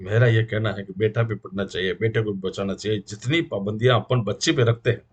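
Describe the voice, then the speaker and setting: A man's voice: fairly low pitch, fairly quick, breathy edge, dull audio. A middle-aged man with a Rajasthani Hindi accent, making an earnest moral appeal to the community as a guest speaker, preaching in rhythmic repeated lists. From India.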